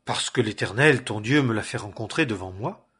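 A man reading aloud the part of an anxious younger son, in a husky voice. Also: fairly low pitch, expressive, normal speed, bright, forceful tone, full character voice. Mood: pretending.

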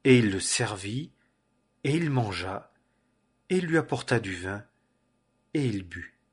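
Husky man reading scripture. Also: lowish voice, sing-song, unhurried. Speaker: scripture reader.

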